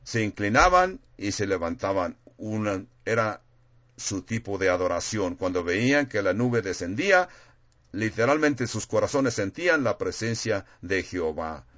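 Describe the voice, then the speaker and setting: A man's voice: lowish voice, big pitch swings, measured pace, a bit bright, dull audio. A man preaching a sermon in a plain, conversational way, reading scripture aloud and explaining it.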